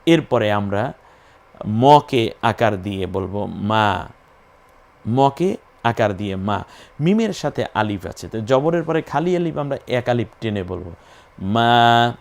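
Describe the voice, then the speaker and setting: A man's voice: on the low side, big pitch swings, a little slow, creaky, darkish tone. A man teaching Quran recitation, patiently spelling out and repeating each letter and sound in a methodical lesson.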